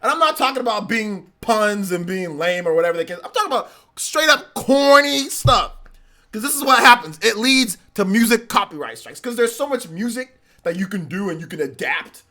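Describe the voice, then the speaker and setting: Streamer, male, forties: bright, sharp-edged voice, ranting and repetitive, exasperated live reaction. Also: high-pitched, lively intonation, moderate pace. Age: 40s. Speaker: livestreamer.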